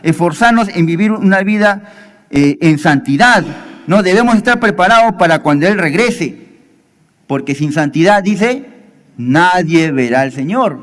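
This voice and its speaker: A man's voice: high voice, animated, a little slow, a bit bright. A man from Peru, a pastor teaching a Sunday school sermon, often ending phrases with a questioning tag. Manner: teaching, frequent rhetorical "¿no?" tags. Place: church hall. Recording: echoey church hall, long reverb.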